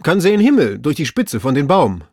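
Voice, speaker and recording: A man reading aloud, voicing a fearful male servant calling down from high in a tree in broken, drawn-out speech. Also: wildly swooping pitch, darkish tone, slightly rough, no echo, studio quality, exaggerated voice. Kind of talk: audiobook reading.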